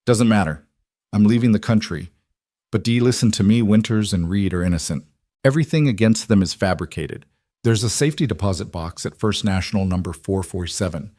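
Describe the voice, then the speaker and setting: A man's voice: fairly low pitch, brisk, a little mellow, close to an everyday voice. A man reading the lines of a guilt-ridden male detective who sounds shaky and apologetic.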